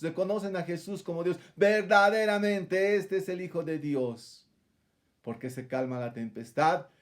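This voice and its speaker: High-voiced man preaching a sermon. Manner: addresses listeners as brother, rhetorical questions.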